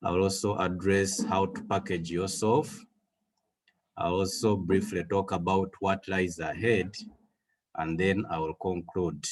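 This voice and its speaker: A man in his thirties from Western Uganda with a Ugandan English accent, giving a measured webinar presentation with frequent fillers over a video call. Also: low voice, flat delivery. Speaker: guest speaker.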